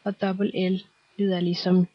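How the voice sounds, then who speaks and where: A woman teaching a scripted language lesson, slowly and patiently quizzing the listener and pausing for answers. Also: lowish voice, level tone, no echo. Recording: dull lo-fi, dry recording.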